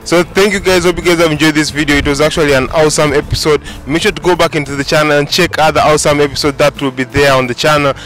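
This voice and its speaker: A man's voice: a little high, fairly even intonation, quick pace, hardly any pauses, a bit bright. A man hosting a street interview vlog outdoors, speaking enthusiastically to camera with repetitive phrasing. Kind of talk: vlog host talking to camera. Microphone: handheld mic.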